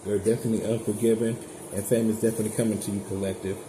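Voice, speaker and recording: A man's voice: lowish voice, little pitch movement, rapid-fire. Blunt, chatty man reading tarot. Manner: chatty, blunt and profane, talks straight to viewers. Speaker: tarot reader. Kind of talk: casual tarot reading to viewers. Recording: echoey room with background noise.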